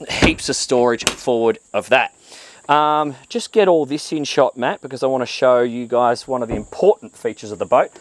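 A man in his thirties with an Australian accent, giving a chatty, enthusiastic walkthrough of a boat outdoors on a lapel mic, with fillers and restarts. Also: medium pitch. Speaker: boat reviewer. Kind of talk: walkthrough presentation. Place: outdoors on a boat on a calm waterway.

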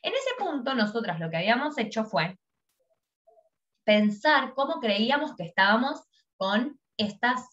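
A bright, animated woman with a Rioplatense Spanish accent runs a recorded beginner English lesson, repeating key phrases slowly and explaining them in Spanish. Her voice sits a little high and swings widely in pitch. The recording sounds dull and lo-fi. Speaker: English teacher.

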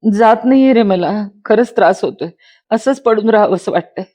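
A woman's voice: medium pitch, moderate pace, warm tone, natural voice. A woman voicing a hurt young pregnant wife who speaks in a pleading, reproachful way close to tears, in a dramatized story reading. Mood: tearful.

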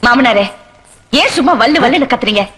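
An actress playing a clever, sharp-tongued young daughter-in-law in a film comedy, confident and mocking. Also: female voice, sits high, lively intonation, a little fast.

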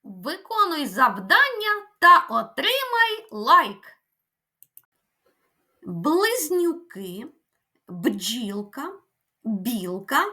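Woman preschool teacher from Ukraine for a kids' speech lesson: high, lively, sing-song and unhurried. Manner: slow, sing-song teacherly delivery, stretching words.

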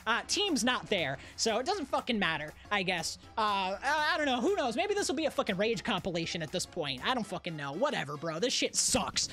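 A young female streamer rants through her game in exasperation, a raging gamer who swears constantly. Her voice sits at an average pitch for a woman. Faint video game music plays underneath her commentary. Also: big pitch swings, fairly quick, hardly any pauses, fairly bright tone. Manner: exasperated, ranting, foul-mouthed raging gamer. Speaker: gaming streamer. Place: indoor room at home.

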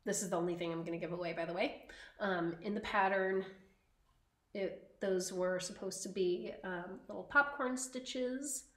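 A woman co-hosting a podcast, chatting casually and slowly about her knitting with frequent ums. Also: medium pitch, a bit bright, reverberant. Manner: slow, chatty, many ums. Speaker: podcast co-host.

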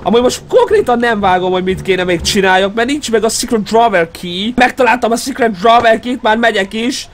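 A man's voice: high-pitched, few pauses, slight background noise. A man playing a horror game and commenting, teasing the monster and yelping when startled. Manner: excitable, mocking the monster, yelps when startled. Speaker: gaming YouTuber. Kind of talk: let's play commentary.

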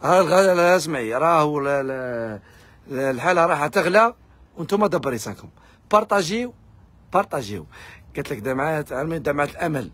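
A man with an Algerian accent, pitching fabric discounts in a pushy live sales video. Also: animated, fairly bright tone, dry recording. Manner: rapid, pushy hawking to viewers. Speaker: fabric shop seller.

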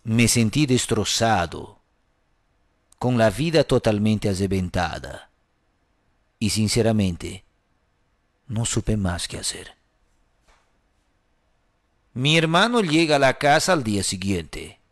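A man's voice: lowish voice, lively intonation, slow pace, long pauses, dry recording. A man telling a dramatized first-person story in a mournful, repetitive way.

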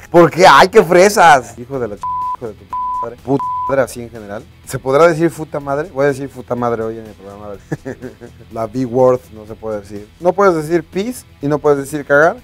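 A Mexican man hosting his vlog, chatting in a loose, joking and slangy way at an ordinary middle pitch. Soft music runs faintly underneath his voice. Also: lively intonation, normal speed. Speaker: YouTuber host. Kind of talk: casual anecdote vlog.

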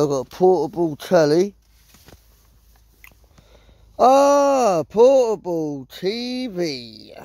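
At night in a small tent in the woods, a middle-aged man with a southern English accent rambles bluntly and curses plenty in a casual vlog shot on a close handheld phone. His voice is on the high side with a dark tone, and there's no echo.

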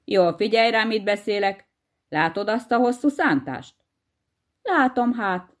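A woman voicing a sly, unhurried male hedgehog farmer in a storybook tale, crafty and bossy. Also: medium pitch, lively intonation, pitched above the performer's own voice, lightly acted. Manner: easygoing, crafty, bossy to his wife.

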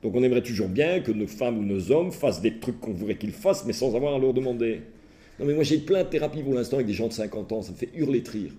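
Middle-aged man, mellow voice, telling jokes. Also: mid-range voice, quick pace, a little hiss or hum. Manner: lively storytelling, mimics characters' voices. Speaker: therapist giving a talk. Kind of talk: humorous lecture with acted anecdotes.

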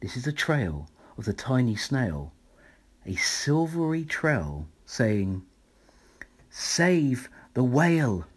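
A man reads a rhyming bedtime story aloud with dramatic, highly varied intonation. His pace is slow and measured, and his voice has a soft, husky breathiness. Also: big pitch swings. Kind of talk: expressive read-aloud of rhyming children's picture book.

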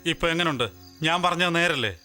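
A man's voice: on the high side, a little fast, sharp tone, faint music behind. A man dubbing a coaxing comic sidekick in a comedy film.

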